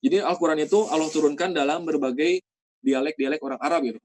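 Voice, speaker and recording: A man teaching Quran reading in a casual lesson, explaining patiently and drawing out example recitations slowly. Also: on the high side, steady tone, darkish tone.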